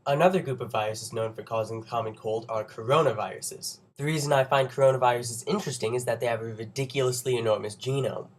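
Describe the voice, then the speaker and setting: A young man with a cold and a congested voice presents an informal educational science video, talking fast at medium pitch with few pauses over a noisy background. He's under the weather but throws in wry, nerdy jokes at his own expense.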